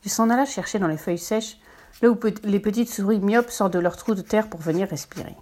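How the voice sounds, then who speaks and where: Lady reading a kids storybook, gentle, mid pitch, easy pace. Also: fairly quick.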